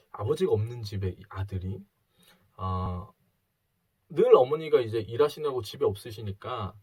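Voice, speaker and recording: A man's voice: medium pitch, a little mellow, breathy edge. A man in his thirties giving a casual video sermon, telling a story in a chatty way and acting out the people in it. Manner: chatty storytelling, acts out quoted voices. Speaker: preacher.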